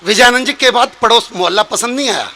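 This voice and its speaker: A young man telling a comic story on stage as a comic poet, animated and shouting out his punchlines. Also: very high-pitched, quick pace. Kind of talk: live humorous storytelling on stage. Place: stage at a poetry gathering.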